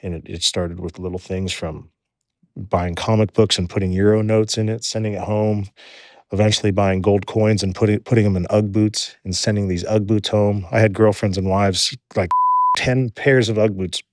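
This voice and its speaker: A man in his forties, a podcast guest, telling a story in a casual, animated, profane way. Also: lowish voice, normal speed, no echo, clean studio sound. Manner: animated, profane, repeats words when excited.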